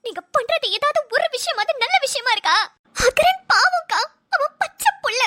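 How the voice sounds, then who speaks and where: A woman's voice: extremely high pitch, sing-song, moderate pace, sharp tone, dry recording, clean studio sound, full character voice. A woman voicing an anxious young woman who pleads frantically in a cartoon. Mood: frantic. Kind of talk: dubbed cartoon voice acting.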